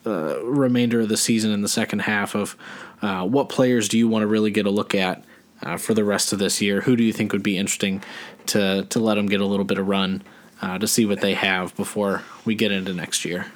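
A man's voice: on the low side, level tone, fairly quick. A man co-hosting a podcast, talking sports in a rambling, casual way with lots of fillers and restarts. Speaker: podcast co-host.

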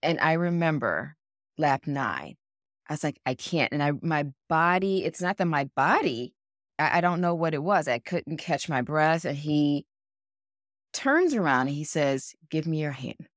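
Low-voiced woman telling a lively story. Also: unhurried, dry recording, clean studio sound. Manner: animated, acts out other people's words; frank, swears casually. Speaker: podcast co-host. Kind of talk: casual storytelling.

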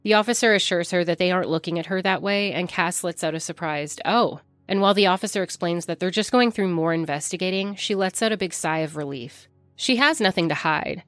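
A woman giving scripted true-crime narration in a measured, descriptive way. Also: low-pitched, no room sound.

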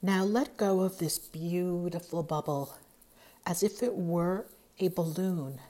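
Low, slow, mellow woman guiding meditation. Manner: soothing, measured, hypnotic delivery with long pauses. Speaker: guided meditation narrator. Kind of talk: scripted guided meditation narration.

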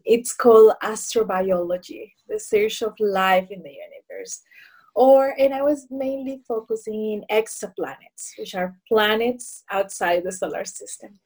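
Woman, interview guest, mid-range pitch, thoughtful, searching for words. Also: darkish tone. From Colombia. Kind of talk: conversational interview answers.

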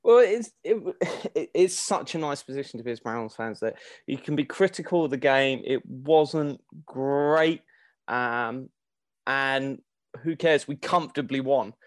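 A man's voice: medium pitch, a little slow, dry recording, studio quality. A man giving casual sports analysis as a podcast co-host, thinking aloud and restarting his phrases.

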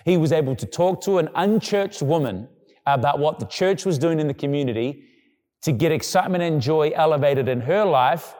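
A male pastor delivers a sermon in a conversational style, sometimes voicing the people he quotes in a lower, quieter tone. His voice trails off into a long reverb tail.

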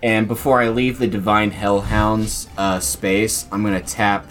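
Male player, unhurried, halting delivery, soft music under. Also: on the low side, level tone. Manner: slow, hesitant with fillers. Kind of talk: tabletop play, describing actions.

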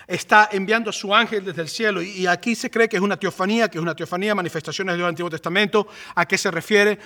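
A male preacher delivers a passionate sermon. His voice sits high for a man and rings bright and forceful. He swells to emphatic peaks. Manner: impassioned, rising to emphatic peaks.

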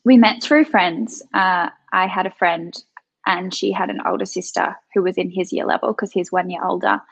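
A woman in her twenties with an Australian accent, a podcast guest telling her story in a casual, relaxed way. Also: fairly low pitch, moderate pace, creaky, breathy edge, no room sound. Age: 20s. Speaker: guest, content creator. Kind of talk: remote podcast interview.

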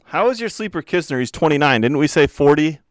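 A man's voice: on the high side, expressive, fast, no echo, studio quality. A man hosting a casual podcast chat, joking and swearing as he calls on each of his friends in turn. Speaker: podcast host.

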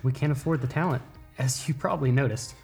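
A man's voice: medium pitch, fast, creaky, a little mellow, soft background music. A man breaking into the show as a hijacked broadcast, boasting dryly in a mock commercial. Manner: dry, boastful mock-ad delivery. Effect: hijacked broadcast, a mock interruption of the show. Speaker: co-presenter of a mock ad, league champion.

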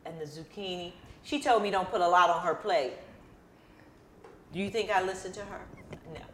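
A woman's voice: fairly low pitch, normal speed, a little hiss or hum. A woman hosting a casual cooking show, chatty and repeating phrases for emphasis, recorded in a kitchen. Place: home kitchen. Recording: echoey kitchen with guitar music.

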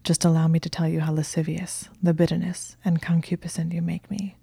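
A smug young wizard who savors every long word, as a woman reads him aloud. The voice sits low and dark, with a creaky edge and little rise and fall. The sound is close and dry. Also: flat delivery, brisk, no echo, exaggerated voice. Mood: teasing.

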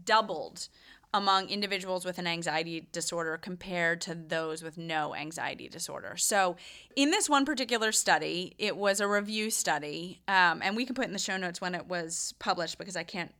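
A woman's voice: fairly low pitch, moderate pace, bright, forceful tone. A woman co-hosting a casual health podcast, explaining research findings in a conversational way, with frequent restarts. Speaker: podcast co-host.

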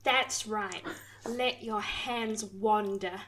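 A woman voicing a doting, seductive female snake-woman monster in an improvised audio role-play, speaking breathily and slowly. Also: medium pitch, steady tone, a little hiss or hum, pitched below the performer's own voice. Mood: commanding. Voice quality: breathy, soft and adoring. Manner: slow, lingering and affectionate.

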